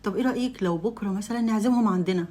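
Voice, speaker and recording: A woman's voice: mid-range voice, rapid-fire, dark tone, lightly acted. A woman with an Egyptian accent voicing a good-natured, eager husband in a told story, friendly and coaxing.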